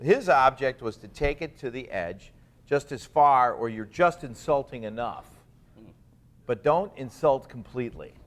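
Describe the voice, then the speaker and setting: Comedian dude, mid voice, swoopy, keeps repeating himself to make the point. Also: male voice, mid-range voice, lively intonation, a little slow. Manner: emphatic, repeats his points. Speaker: comedian guest. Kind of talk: casual panel chat.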